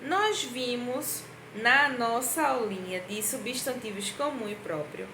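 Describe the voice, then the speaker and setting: A woman teaching young children in a review lesson, talking patiently in a sing-song way, stretching out words slowly and checking in with them often. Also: a little high. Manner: slow, drawn-out words when spelling out syllables. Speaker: primary school teacher. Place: indoor room at a board, writing with a marker. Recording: echoey room with faint background hiss.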